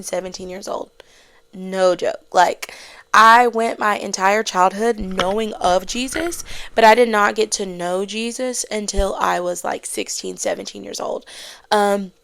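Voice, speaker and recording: A woman's voice: mid-range voice, gravelly, a bit bright. A woman, hosting her own podcast in a casual, chatty, self-deprecating way. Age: 20s. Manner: chatty and self-deprecating, with frequent fillers and Southern slang. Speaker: podcast host. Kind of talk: casual solo podcast chat.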